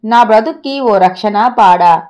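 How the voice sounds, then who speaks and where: A woman storyteller voicing a sharp-tongued, scheming wife who answers with tart, insistent retorts. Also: medium pitch, a little slow, lightly acted.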